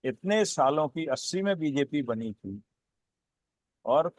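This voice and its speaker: Man giving measured political analysis. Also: on the high side, lively intonation, no echo. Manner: measured, builds points with repeated phrases. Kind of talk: panel discussion commentary.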